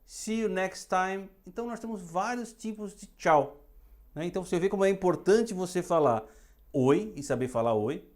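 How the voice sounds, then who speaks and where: A woman's voice: on the low side, expressive, a little mellow. Brazilian woman teaching English phrases. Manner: repeats phrases slowly for students to echo. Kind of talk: bilingual English lesson.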